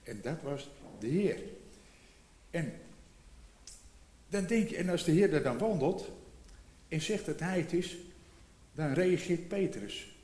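A man's voice: fairly high pitch, lively intonation, slow pace, pauses often, a little mellow, reverberant. A man in his seventies preaching a sermon in a reflective way, repeating phrases and rising for emphasis. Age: 70s.

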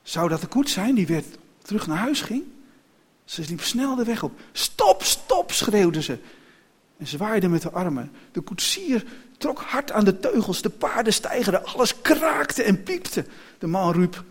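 Male storyteller, slightly high voice, expressive read-aloud of a children's tale. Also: measured pace, breathy edge.

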